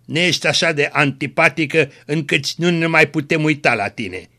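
A man voicing a gruff, proud old male miller in a read-aloud story, speaking sternly. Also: on the high side, bright, forceful tone. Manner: stern, scolding.

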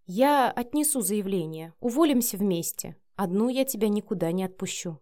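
Brisk, protective best friend giving orders , read by a woman. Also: medium pitch, animated, dark tone, natural voice. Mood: firm. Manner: brisk, firm, caring but bossy. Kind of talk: audiobook character reading.

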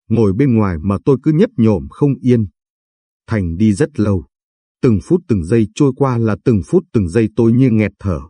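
A man reading a dramatic first-person story in a steady, earnest narration. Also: on the low side, slightly rough, dry recording, studio quality.

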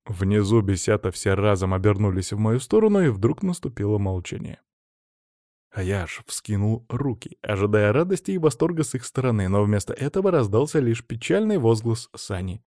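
A man reads a first-person audiobook with wry, animated storytelling. His pitch moves a lot through each sentence. The recording is dry and close, with no room sound. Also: normal speed, no echo. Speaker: audiobook narrator.

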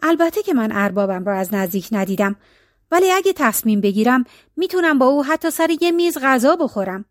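A woman's voice: sits high, big pitch swings, no echo, clean studio sound. A woman voicing a sly poor peasant man. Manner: sly, polite, quietly cunning.

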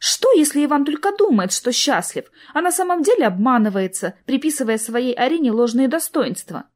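A woman reading the lines of an earnest, hesitant young woman in love, in a soft, plaintive way. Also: high voice, big pitch swings, brisk, voice pushed up.

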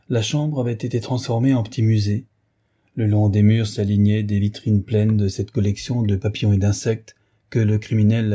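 Male audiobook narrator, grave and measured, low dark husky voice. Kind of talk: scripted narration.

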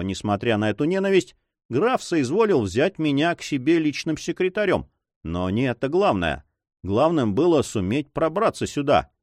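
A man's voice: mid-range voice, dry recording, clean studio sound, voice pushed up, natural voice. A man voicing an eager young nobleman in love who pleads impatiently.

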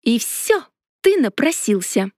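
A sharp-tongued young witch from a storybook, acted by a woman narrator. She snaps back quarrelsomely and defiantly, with a raised, high pitch. The sound is close and dry. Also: very animated, slow, no echo. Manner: snappy and quarrelsome.

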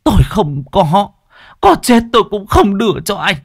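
A woman's voice: medium pitch, sing-song, moderate pace, dry recording, clean studio sound, voice pushed up. A man voicing a frail, desperate old peasant mother, pleading and shrieking in a storybook tale. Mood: defiant. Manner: pleading, then shrieking in terror.

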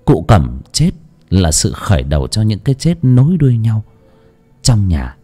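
Expressive male audiobook narrator. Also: on the low side, normal speed, breathy edge, soft background music. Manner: expressive, dramatic. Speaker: storyteller.

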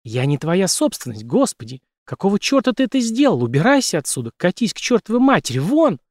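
A man's voice: high voice, big pitch swings, moderate pace, no room sound, studio quality, voice pushed up. Man reading a furious swearing young woman. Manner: sharp, scolding, swearing. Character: angry defiant young woman. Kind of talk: audiobook character reading.

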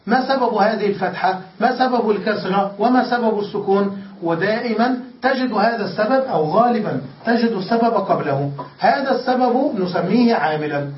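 A man's voice: high-pitched, fairly quick. A man teaching a grammar lesson in a classroom style, asking questions and answering them himself. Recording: echoey, distant, dull lecture recording with faint hiss.

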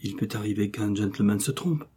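Man voicing a timid, servile innkeeper for an audiobook; fretful and eager to please, mellow with a slight huskiness. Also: on the low side, fairly quick, slightly rough. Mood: deferential. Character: nervous, deferential male innkeeper.

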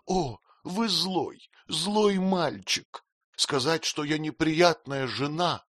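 A man's voice: medium pitch, very animated, measured pace, fairly bright tone, dry recording, clean studio sound, pitched above the performer's own voice. A man voicing a childish, girl-like young wife who pleads plaintively and tearfully in an audiobook reading.

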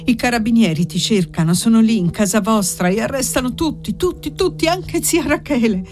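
A woman's voice: medium pitch, a little slow, warm tone, soft background music, lightly acted. A woman reading aloud voices a panicked young girl who speaks breathlessly and urgently, repeating her warnings.

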